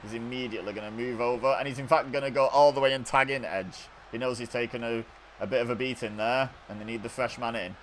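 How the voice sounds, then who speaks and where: A man commentating over game footage with quick, chatty play-by-play. He gets excitable at big moments and corrects himself as he goes. His pitch sits in an ordinary middle range. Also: a little hiss or hum. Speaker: gaming video host.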